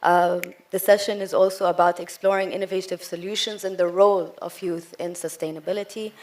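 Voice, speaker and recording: A woman's voice: lowish voice, level tone, a little fast. A woman moderating a panel discussion, upbeat and chatty with some fillers.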